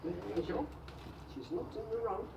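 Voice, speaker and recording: A man's voice: high-pitched, moderate pace, vocal fry. A man protesting at an eviction outdoors, mocking and scolding in an accusatory, reproachful way. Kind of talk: heckling and scolding. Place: outdoors at a house during an eviction. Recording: distant and very noisy street audio.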